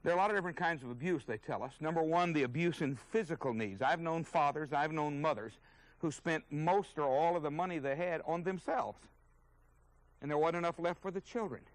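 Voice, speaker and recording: A man's voice: fairly high pitch, fairly quick, dry recording, low-quality recording. A man teaching a sermon as a Bible teacher, earnest and emphatic, openly indignant at his subject.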